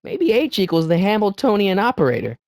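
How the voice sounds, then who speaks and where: The earnest American teen protagonist of a time-travel game is eager and persuading here, speaking fast with a hesitant, stammering nervousness. His high, youthful voice carries animated urgency, captured cleanly and dry with no echo.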